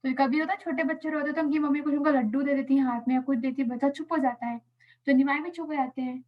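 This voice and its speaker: A woman telling a story to children in an animated, playful way, adding sound effects. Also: high-pitched, fast talker. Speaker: Sunday school storyteller. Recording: tinny phone-like audio.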